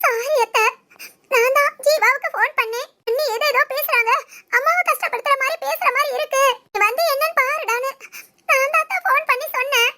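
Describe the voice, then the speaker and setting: A woman voicing a young pregnant woman in an animated family drama, pleading and apologetic. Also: extremely high pitch, fairly quick.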